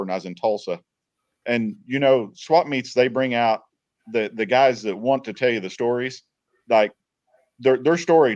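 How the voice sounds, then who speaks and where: A man's voice: medium pitch, no room sound. Man telling rambling stories, dull sound. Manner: rambling, repeats words, retells dialogue. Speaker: podcast guest. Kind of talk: casual storytelling.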